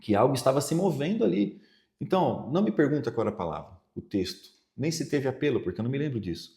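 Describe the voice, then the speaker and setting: A man's voice: mid-range voice, very animated, quick pace, mellow. A middle-aged man with a Brazilian Portuguese accent from São Paulo, a pastor giving a personal testimony in a podcast interview, telling it with feeling and quoting himself and others. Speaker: pastor, guest. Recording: echoey room.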